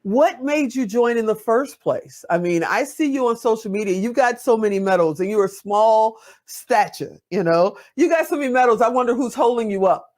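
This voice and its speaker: A woman's voice: fairly high pitch, expressive, moderate pace, few pauses, darkish tone. A woman in her fifties hosts a talk show interview. She is a veteran who chats in an encouraging, rambling way. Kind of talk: interview conversation.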